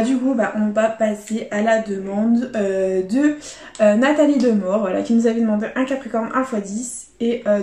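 A woman's voice: fairly high pitch, warm tone, reverberant. A woman casually commenting as she scratches lottery tickets, chatty with her viewers and spelling out letters one by one. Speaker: YouTube scratch-card vlogger.

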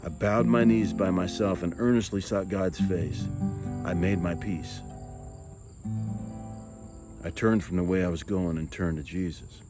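A man with a low, deep voice delivers an earnest, reflective sermon-style talk. He often doubles back and repeats words as he thinks aloud. Music plays steadily behind him. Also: steady tone, a little slow, pauses often. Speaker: preacher and songwriter. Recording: music bed playing behind the voice.

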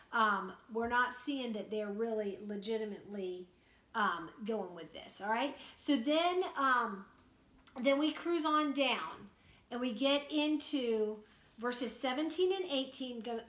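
A woman's voice: on the high side, fairly bright tone, echoey room. A woman teaching a Bible study in a conversational way, asking her listeners questions and acting out the quotes she reads.

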